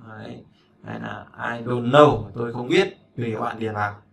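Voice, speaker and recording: Guy teaching english, chatty, repeats stuff a lot, kinda gravelly. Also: mid-range voice, moderate pace, slight background noise. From Vietnam. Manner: chatty, repeats words, asks learners if they follow. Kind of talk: casual spoken lesson.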